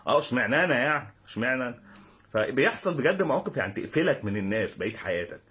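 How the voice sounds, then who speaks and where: A man's voice: medium pitch, big pitch swings, racing, a bit bright, breathy edge. A young Egyptian man telling a comic personal story, sarcastic and exasperated. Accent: Egyptian Arabic. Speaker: comedic storyteller.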